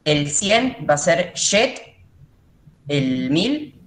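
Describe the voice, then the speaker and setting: Teacher, female, low-pitched, patient classroom explainer, reverberant room. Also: expressive, normal speed. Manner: explains step by step, checks in with the class. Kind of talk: classroom lecture.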